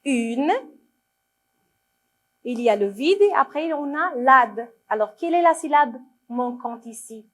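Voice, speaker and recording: A woman's voice: sits high, expressive, normal speed, fairly bright tone. A woman with a Moroccan accent teaching French to young children in a video lesson, patient and repeating each word for her pupils. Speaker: primary school French teacher.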